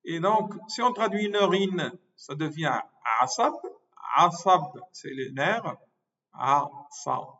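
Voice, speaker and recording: Male lecturer, higher voice, deliberate repetitive delivery; distant lo-fi recording. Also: lively intonation, pushed and bright. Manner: slow, repeats words and spells them out syllable by syllable. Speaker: medical school professor. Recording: distant mic, dull lo-fi sound.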